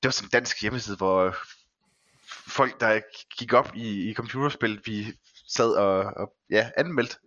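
A man with a bright, forward voice on the low side talks casually as a podcast guest. He phrases things thoughtfully and a little hesitantly, in a very dry sound. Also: no echo, lo-fi sound. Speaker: podcast guest, film and series reviewer. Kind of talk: casual conversational interview.

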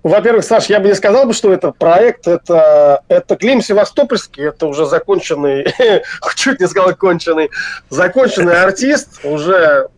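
A man from the Urals talking casually as an interview guest on an internet call, halting and correcting himself. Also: high voice, lively intonation. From Urals region of Russia. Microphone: internet messenger call.

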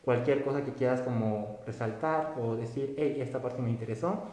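A man's voice: mid-range voice, moderate pace, mellow. A young man hosting a casual interview, asking chatty, rambling questions. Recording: roomy echo.

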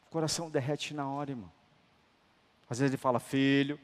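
A man preaching a sermon, emphatic and colloquial, moving between loud declarations and hushed, tender lines and calling listeners brother. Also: medium pitch, fairly even intonation, quick pace. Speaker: apostle preaching. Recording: long hall reverb.

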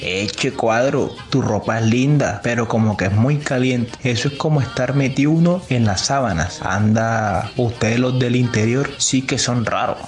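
A man's voice: mid-range voice, normal speed, hardly any pauses, soft background music, close to an everyday voice. A man playing an easygoing, teasing fellow with a Colombian Caribbean coastal accent in a children's story. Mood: teasing, friendly. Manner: breezy, colloquial, teasing.

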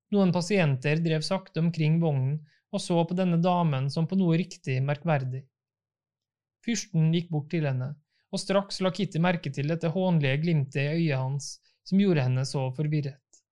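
A man reading a novel aloud as an audiobook narrator, calm and even. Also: on the high side.

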